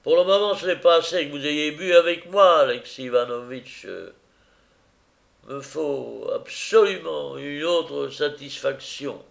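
A man voicing a drunk, overwrought middle-aged man who pleads and mocks in a high, loud, swooping voice. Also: measured pace, gravelly. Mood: agitated.

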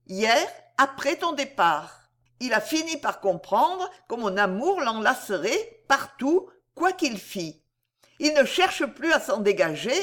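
A woman's voice: fairly high pitch, a bit bright, full character voice. A woman voicing a young woman in a storybook who is secretly pregnant and set on her choice, with an intense, pleading manner.

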